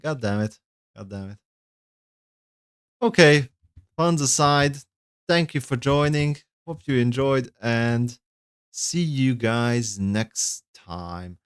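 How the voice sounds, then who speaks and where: Male streamer, off-the-cuff reaction chat, rambling and self-correcting, smooth clear voice, dry close mic. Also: mid-range voice, lively intonation, takes it slowly, pauses often, no echo. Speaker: streamer reacting to game lore. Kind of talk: casual livestream reaction chat.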